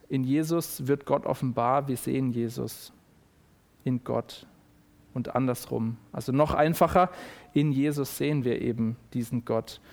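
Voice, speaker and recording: A man preaching a sermon, explaining slowly and repeating key phrases for emphasis. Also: medium pitch, darkish tone.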